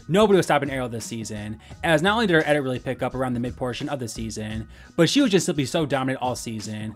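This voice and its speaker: A man narrating a scripted video essay as its host. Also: mid-range voice.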